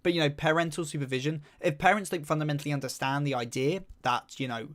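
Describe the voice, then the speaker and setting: A man's voice: medium pitch, fairly bright tone. A young man chatting casually on a live stream, reading chat and rambling with lots of fillers while humming to himself.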